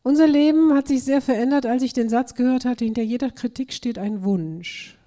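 A middle-aged woman speaking to a church group in an earnest manner, reading aloud slowly and with emphasis. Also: fairly high pitch, mellow.

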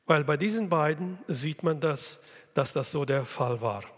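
A man delivers a sermon at an unhurried, deliberate pace. His voice sits a little high for a man. A long reverb trails each phrase, as if the recording were made in a large hall. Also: faint music behind. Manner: slow, deliberate preaching with rhetorical questions. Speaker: preacher.

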